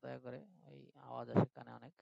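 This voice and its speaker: A man's voice: mid-range voice, flat delivery, quick pace, gravelly, no echo, dull audio. A male teacher giving a live online grammar lesson. He explains patiently step by step and often checks in with his students. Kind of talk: live online class lecture.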